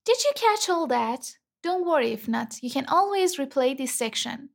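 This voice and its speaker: A woman from Iran, hosting an English lesson and saying model phrases slowly and carefully for learners to repeat. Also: sits high, expressive, vocal fry, soft background music. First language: Persian. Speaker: English teacher and host. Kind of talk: scripted language lesson.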